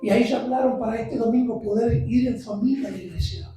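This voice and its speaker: Impassioned preacher in an echoey church. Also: male voice, very high voice, quick pace, recorded from a distance, faint music behind. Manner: impassioned, builds to shouts. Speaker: visiting preacher. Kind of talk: sermon. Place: church sanctuary. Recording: very echoey church, heard from afar.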